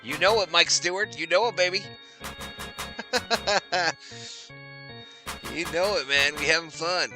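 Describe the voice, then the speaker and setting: A man doing casual live-stream baseball play-by-play, chatting with viewers and getting loud on big plays. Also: a little high, takes it slowly, pauses often, over music.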